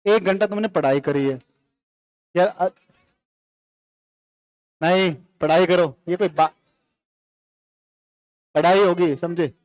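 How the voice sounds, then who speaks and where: A male teacher giving a live classroom lecture, firing quick questions at students and joking with the class. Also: sits high.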